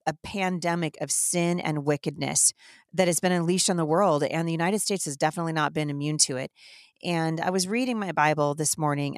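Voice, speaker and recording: Indignant low-voiced woman host. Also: dry recording, clean studio sound. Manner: indignant, emphatic, fast-flowing. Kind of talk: impassioned devotional talk.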